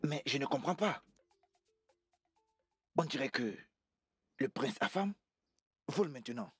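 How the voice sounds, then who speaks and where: A man's voice: mid-range voice, lively intonation, measured pace, slightly rough, dry recording, soft background music. A man dubbing a village man gossiping about the prince in a dubbed film. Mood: gossipy.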